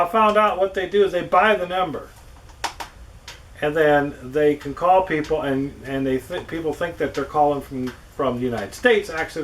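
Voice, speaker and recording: Rambling, exasperated man, slightly high voice. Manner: exasperated, ranting, swears casually. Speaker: woodworking channel host. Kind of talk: casual rambling chat to camera. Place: small workshop with wood burner, rain on roof. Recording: distant mic, faint background noise.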